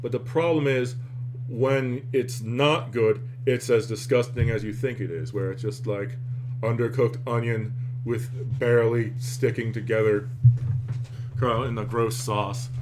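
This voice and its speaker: A man's voice: medium pitch, steady tone, a little slow. A man with a standard American accent, chatting casually in a rambling, self-deprecating way as he reacts and comments. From United States. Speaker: online host reacting and commenting. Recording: clear background noise.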